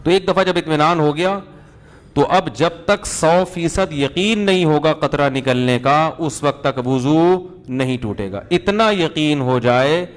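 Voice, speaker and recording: A man as a religious cleric answering listeners' questions in a colloquial, humorous way, full of anecdotes. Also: fairly high pitch. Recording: reverberant hall.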